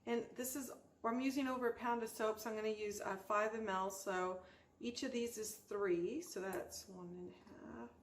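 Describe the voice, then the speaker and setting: A woman's voice: mid-range voice, steady tone, normal speed. A woman hosting a casual crafting tutorial, explaining informally step by step as she works. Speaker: host of a soap-making tutorial channel. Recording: roomy echo, faint background noise.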